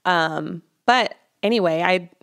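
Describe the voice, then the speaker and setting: Woman, 30s, low pitch, gravelly fry, candid reflective interview guest. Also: takes it slowly, a bit bright. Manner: candid, reflective, frequent ums. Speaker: counselor. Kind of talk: conversational interview.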